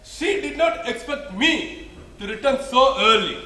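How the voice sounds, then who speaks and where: A man playing a mighty, hot-tempered male god on stage, declaiming in a commanding, booming way. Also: expressive, measured pace, sharp tone, heavily acted. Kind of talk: amateur stage drama. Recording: echoey hall, mic from a distance.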